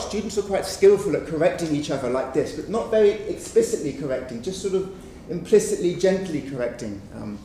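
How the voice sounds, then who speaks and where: A man's voice: a little high, mellow. A man giving a conference research presentation, explaining examples patiently and often hedging with "sort of". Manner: explanatory, frequent "sort of" hedges. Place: conference room. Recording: echoey room, mic far off, faint noise.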